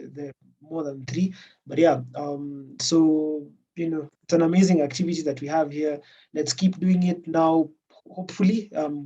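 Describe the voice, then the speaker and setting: East African man with a husky, muffled voice. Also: fairly high pitch, dark tone. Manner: hesitant, many fillers. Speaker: workshop organizer. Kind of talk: closing remarks on a video call. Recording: muffled distant online call audio.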